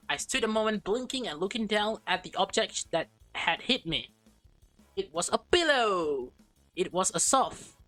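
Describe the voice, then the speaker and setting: A woman reads a visual novel out loud for a let's play, delivering it expressively while tossing in casual reactions and the odd stumble over a word. She has a mid-range voice, and the audio has no echo.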